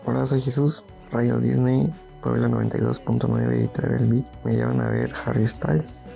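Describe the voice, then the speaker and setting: A man in his twenties with a Mexican Spanish accent and a gravelly voice, reading out a radio contest entry. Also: mid-range voice, level tone, moderate pace, warm tone, faint music behind, rough recording. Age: 20s. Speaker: caller sending a voice note.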